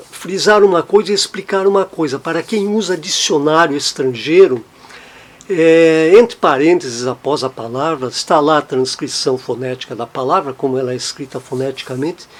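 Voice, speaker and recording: A male teacher gives a patient, methodical lesson with a slightly high-pitched voice. He slows down to repeat each example word carefully before explaining it. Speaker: German teacher.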